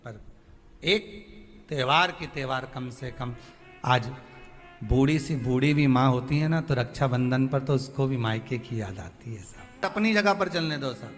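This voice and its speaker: A man's voice: medium pitch, a little slow, fairly bright tone. A man preaching a devotional sermon, pleading and emphatic, repeating phrases for stress. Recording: long hall reverb, faint music behind.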